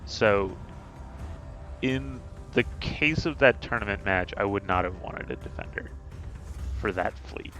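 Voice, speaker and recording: Male game streamer, low-pitched, casual strategy chatter, thinks aloud with frequent fillers. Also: a little slow, bright, forceful tone, soft background music.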